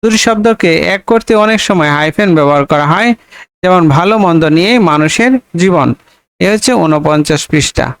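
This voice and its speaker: A man's voice: high-pitched, lively intonation. A man tutoring young students, reading a textbook passage aloud and then patiently asking and answering its questions. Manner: slow, explanatory, repeats questions then answers them. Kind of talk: reading and explaining a textbook lesson.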